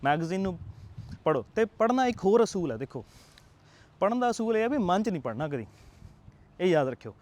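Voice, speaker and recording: A man's voice: high voice, very animated, fast talker, pauses often, a little mellow. A young man with a Punjabi accent, an IELTS tutor giving earnest, coaxing advice to camera. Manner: earnest, coaxing, checks in with rhetorical tags. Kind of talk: motivational talk to camera.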